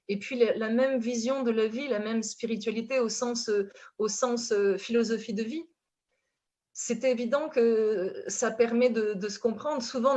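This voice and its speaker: A French woman with a French accent talks as a relationship coach in a casual conversation, animated and full of fillers and restarts. Her voice is on the high side, and the recording sounds dull and lo-fi.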